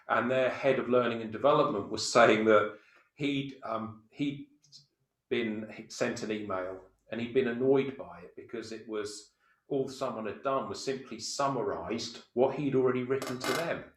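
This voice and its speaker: A man's voice: medium pitch, normal speed. Man presenting on a roomy video call. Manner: explains with rhetorical questions and examples. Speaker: co-presenter of a training webinar. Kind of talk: conversational webinar presentation.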